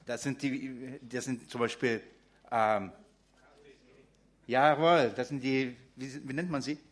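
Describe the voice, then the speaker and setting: A man's voice: medium pitch, fairly even intonation, slow. A man preaching a sermon in German, talking directly to his congregation with frequent fillers and restarts.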